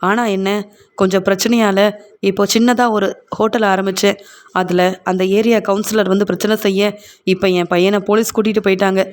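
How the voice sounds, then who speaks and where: A man's voice: high voice, flat delivery, brisk, smooth, close to an everyday voice. Male narrator as desperate mother pleading; plain read, light tone. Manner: tearful, pleading. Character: distressed middle-aged mother pleading for help.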